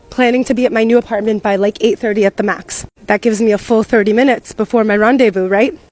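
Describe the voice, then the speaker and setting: A young woman from the United States tells a story at a rapid clip, her voice sitting a little high. She is animated and profane, and she acts out the people in her story as she goes. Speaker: expat content creator. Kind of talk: casual storytelling to camera.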